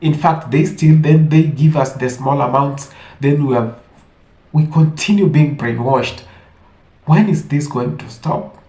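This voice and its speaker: Measured in pace, his voice a little high and mellow, an African online commentator argues his views emphatically and leans on rhetorical questions. The space around him echoes.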